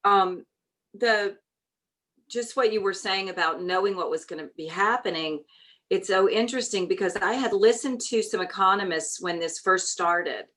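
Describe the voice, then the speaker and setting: A woman from New Orleans chats as an interview guest in a mid-range voice. She tells stories in a lively way and acts out what other people said. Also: medium pitch, moderate pace, rough recording. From New Orleans, USA. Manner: chatty, animated storytelling with quoted asides. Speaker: interview guest, shop owner. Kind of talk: casual conversational interview.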